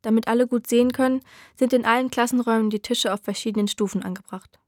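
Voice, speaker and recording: A woman narrating a novel in the first person with a steady storytelling delivery. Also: on the high side, fast, no room sound, studio quality. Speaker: audiobook narrator.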